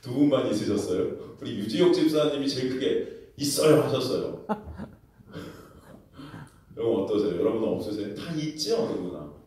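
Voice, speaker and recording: A man preaching a sermon as pastor, telling the story with lively acted-out quotes and questions to the congregation. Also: mid-range voice, normal speed, slight background noise. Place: church sanctuary. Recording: very echoey church hall, mic at a distance.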